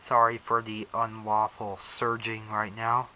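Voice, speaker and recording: A radio collector casually shows off his gear in an unboxing vlog, rambling as he handles the radio and filling gaps with lots of "so" and "uh." His voice is on the low side, monotone and unhurried, with a bright, forceful tone. The audio is poor, with slight background noise.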